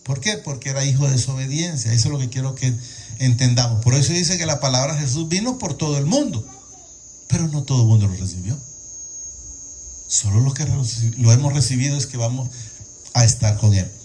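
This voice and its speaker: A man's voice: mid-range voice, expressive, fairly quick, dark tone, slight background noise. A man preaching a sermon, reading scripture aloud and explaining it with rhetorical questions, often repeating words as he searches for the next one.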